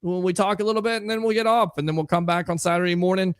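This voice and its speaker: A man hosting a live sports talk stream, reading out chat comments and giving energetic shout-outs. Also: high voice, rapid-fire, clear, resonant tone, dry recording, clean studio sound. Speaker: livestream sports show host.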